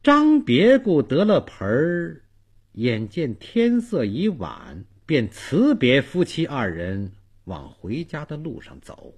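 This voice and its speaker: A male storyteller with a husky voice that swoops widely between high and low, telling a folk tale slowly and dramatically. His pitch sits a bit high. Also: huge pitch swings, a little mellow. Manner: dramatic, slow and swooping delivery. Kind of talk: traditional storytelling narration.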